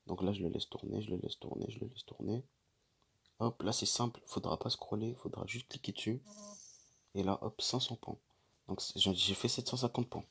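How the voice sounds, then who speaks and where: Man, low voice, husky, casual app walkthrough, chatty, self-correcting. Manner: chatty, loose, often backtracks to correct himself. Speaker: YouTuber demonstrating a money app.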